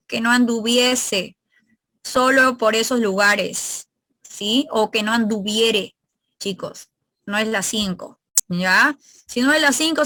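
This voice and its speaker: Bright-voiced woman teacher quizzing her class. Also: a little high, no echo. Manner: quizzing students, explaining grammar step by step. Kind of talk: online exam review class.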